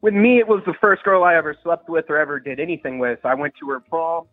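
A man's voice: on the high side, fast talker, no room sound, faint music behind. A young man calling into a show, talking hesitantly and stammering. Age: young adult. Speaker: caller. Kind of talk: phone-in confession. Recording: tinny phone line.

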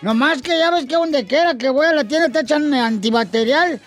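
A man's voice: very high-pitched, moderate pace, fairly bright tone. A man voicing a joking old male radio character, telling jokes in a comic radio sketch. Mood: teasing.

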